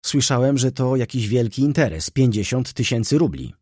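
A man's voice: mid-range voice, animated, normal speed, darkish tone, husky, dry recording, voice pushed up. A man doing a fussy, cautious old head clerk. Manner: dry and hesitant.

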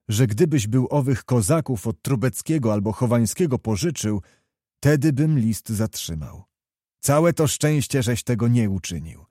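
A man reading the part of a seasoned officer who speaks in a measured, moralizing, steady way. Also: mid-range voice, no room sound, studio quality, natural voice. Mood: earnest. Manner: measured, admonishing. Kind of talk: audiobook character reading.

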